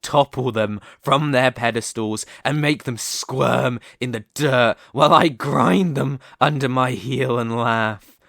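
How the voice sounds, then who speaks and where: Man as immortal demon king for ASMR roleplay: cold, calculating, domineering, very unhurried delivery, close dry sound. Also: medium pitch, gravelly, a bit bright, no room sound. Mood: scornful, commanding. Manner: deliberate, condescending, menacing.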